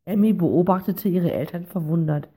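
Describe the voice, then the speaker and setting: A woman's voice: on the low side, normal speed, warm tone, husky. Woman reading a children's story. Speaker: narrator.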